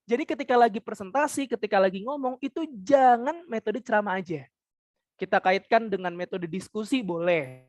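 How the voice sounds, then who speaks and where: A young woman giving a public speaking webinar, animated and quizzing her listeners directly, at times singing scales to show intonation. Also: medium pitch, fairly quick, no room sound. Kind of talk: webinar talk.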